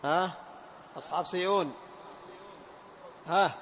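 A man teaching a class on Quran recitation rules, stretching out example words slowly and quizzing his students with questions. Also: high voice, a bit bright, slight background noise.

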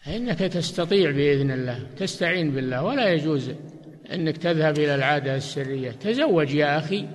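An older man with a somewhat high voice answers questions with blunt, firm rulings. He cuts the answers short and leans hard on single words now and then. It sounds recorded in a large hall with a long reverb. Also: animated, quick pace. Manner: firm, curt answers with sudden stressed words. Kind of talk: fatwa Q&A session.

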